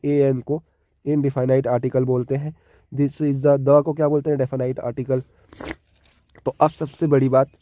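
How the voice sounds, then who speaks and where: Hindi-accented man teaching grammar, dark voice. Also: medium pitch, no echo, studio quality. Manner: repeats key words and keeps checking with "ठीक है". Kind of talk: explaining a lesson step by step.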